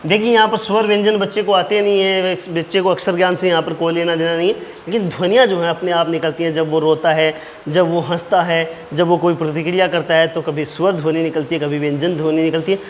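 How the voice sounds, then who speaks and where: A man's voice: a little high, flat delivery. Male teacher dictating in an echoey room. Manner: explains point by point, dictating key phrases slowly and repeating them. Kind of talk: exam-prep lecture. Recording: reverberant room with faint noise.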